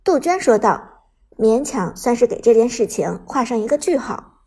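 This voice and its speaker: A woman reads a serialized novel aloud in a steady, even storytelling manner. Her voice sits a little high for a woman, with a soft, breathy grain. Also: normal speed. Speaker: narrator. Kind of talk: audiobook novel narration.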